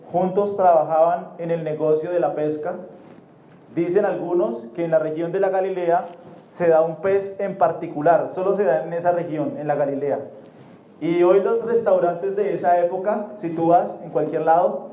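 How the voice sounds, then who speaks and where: High-voiced preacher in an echoey church. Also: male voice, fairly even intonation, moderate pace, dull audio. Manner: explains Bible passages, checks in with the congregation often. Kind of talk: sermon.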